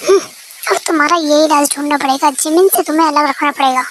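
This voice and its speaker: A woman's voice: sits high, fairly even intonation, fast talker, a bit bright, a little hiss or hum. Woman voicing a stern young male professor. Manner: stern, scolding. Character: strict young male professor, scolding husband. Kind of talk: amateur fan dub.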